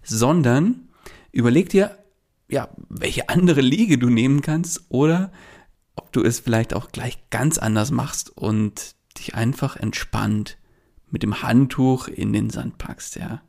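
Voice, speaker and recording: A man's voice: mid-range voice, takes it slowly, gravelly, darkish tone. A man hosting a solo podcast, telling a client story and coaching listeners directly in a chatty way, with many filler words. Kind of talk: solo podcast monologue with advice.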